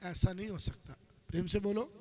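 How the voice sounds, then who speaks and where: A man's voice: sits high, steady tone, normal speed, in a large hall. A man narrating a devotional story at a live gathering, urging the crowd to chant along.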